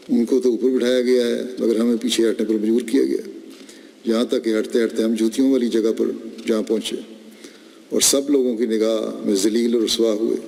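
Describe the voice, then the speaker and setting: A man delivers a Friday sermon, unfolding a story at a slow, measured pace. His voice is mellow and dark. It rings with the long reverb of a large hall. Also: fairly low pitch. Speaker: preacher. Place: mosque.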